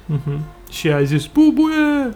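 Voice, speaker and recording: Man tossing deadpan quips, faint music. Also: fairly high pitch. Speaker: podcast co-host. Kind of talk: casual banter.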